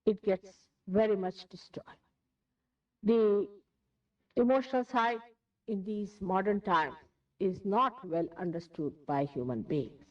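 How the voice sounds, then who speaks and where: A woman's voice: medium pitch, slow pace. An Indian woman giving a spiritual lecture, emphatic and repeating phrases for stress. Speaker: spiritual teacher. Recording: distant, dull lo-fi 1981 lecture tape.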